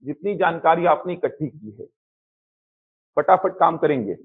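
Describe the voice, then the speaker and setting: A man's voice: fairly high pitch, lively intonation, measured pace, breathy edge. A man teaching a live math coaching class to a classroom and online viewers. He asks the students questions, answers them himself, and repeats the key points. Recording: slightly dull lo-fi classroom audio.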